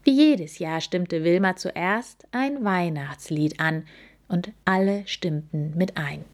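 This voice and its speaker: Gentle woman reading a children's story. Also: lowish voice, slow pace. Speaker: narrator.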